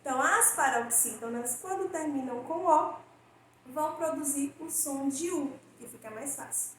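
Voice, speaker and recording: A woman's voice: sits high, normal speed. A woman teacher giving a recorded school lesson. She explains step by step and keeps checking in with her students. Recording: very echoey room, faint noise.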